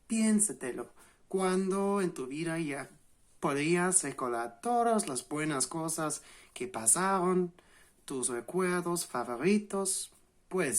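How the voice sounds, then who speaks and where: In his late twenties and from England, this language channel host talks to camera in an easygoing lesson, his English accent native and his voice slightly high. Frequent pauses and fillers break up his speech as he restarts.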